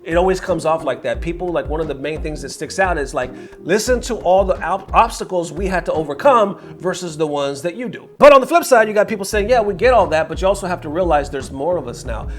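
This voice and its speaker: Fairly high-pitched male host in his forties: animated and slangy in casual commentary. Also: fast, soft background music. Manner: animated storyteller, loose slang, direct asides to viewers.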